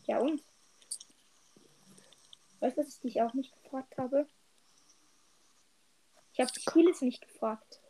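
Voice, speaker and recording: A woman's voice: sits high, unhurried, pauses often, warm tone, a little hiss or hum, poor audio. A young female podcast host chatting casually about gaming, matter-of-fact and a bit defensive.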